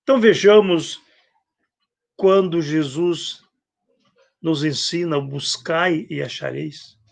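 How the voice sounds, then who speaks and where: Slow, gravelly Brazilian preacher. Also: male voice, fairly high pitch. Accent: Brazilian Portuguese. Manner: slow, reflective preaching that acts out gospel quotes and clears his throat often. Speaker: spiritist speaker. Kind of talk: spiritist sermon on a live stream.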